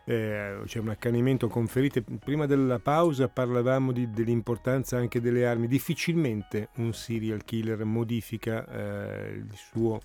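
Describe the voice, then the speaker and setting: A man's voice: medium pitch, steady tone, normal speed, creaky, hardly any pauses, darkish tone. A man guest on a radio talk show, explaining cases in a thoughtful way with many hesitant fillers. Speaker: criminologist guest.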